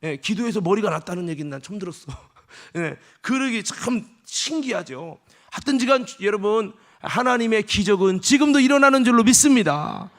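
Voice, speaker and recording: A man preaching a sermon as senior pastor in a church, animated, acting out scenes in dialogue and leading the congregation in shouted responses. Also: high-pitched, normal speed. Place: church sanctuary.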